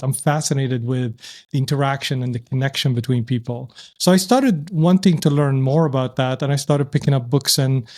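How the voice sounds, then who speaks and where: A man's voice: medium pitch, darkish tone. Thoughtful man from Syria. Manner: reflective, thoughtful, with frequent restarts. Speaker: podcast guest, entrepreneur. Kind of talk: casual interview.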